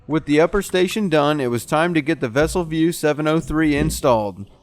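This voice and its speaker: As the show's technician host, a man narrates a step-by-step boat repair how-to in explanatory voice-over. He speaks fairly quickly in a slightly high voice, with no echo.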